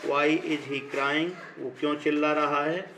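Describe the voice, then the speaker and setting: A middle-aged Indian-accented male teacher talks a class through a grammar lesson. He speaks very slowly, in deliberate dictation-like phrases, and his voice sits a little high for a man. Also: flat delivery, pushed and bright, a little hiss or hum, poor audio. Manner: slow, deliberate, dictation-like; switches between English and Hindi. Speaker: school teacher.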